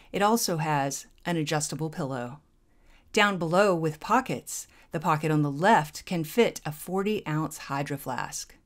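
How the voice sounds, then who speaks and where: A woman's voice: deep voice, dry recording. A middle-aged woman co-hosting a casual camping gear review outdoors, playful and joking. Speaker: vlog co-host. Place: outdoors at a riverside campsite.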